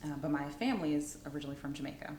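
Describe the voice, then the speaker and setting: A woman of thirty with a low voice introduces herself in a brisk, matter-of-fact way. The room sounds echoey, with a faint rumble underneath. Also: expressive, a little mellow. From South Florida. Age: 30s. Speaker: interviewee. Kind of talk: casual recorded interview.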